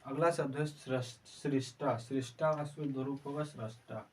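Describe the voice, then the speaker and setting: Casting note: male teacher running a slow spelling drill, repeating each word, recorded from a distance with faint noise. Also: medium pitch, fairly even intonation. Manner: slow, repeats each word several times while writing. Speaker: Hindi teacher. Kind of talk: exam prep lesson, word-by-word spelling drill.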